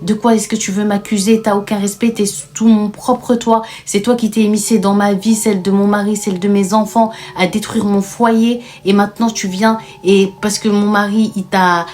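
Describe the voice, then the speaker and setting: A woman's voice: medium pitch, level tone, normal speed, few pauses, darkish tone, voice pushed up, close to an everyday voice. A woman voicing a scheming woman who scolds with false righteous indignation. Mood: indignant.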